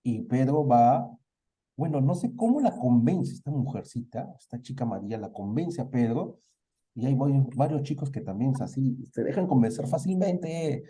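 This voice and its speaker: A man's voice: medium pitch, animated, normal speed, dark tone. A man with a Peruvian Spanish accent teaching a live online literature review, asking questions and then answering them himself.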